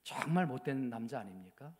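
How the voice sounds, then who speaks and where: A man, a pastor, preaching a sermon with emotional storytelling that swings from hushed to loud emphatic outbursts, asking the congregation rhetorical questions. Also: medium pitch, animated, a little fast, husky. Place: church sanctuary. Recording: long church hall reverb.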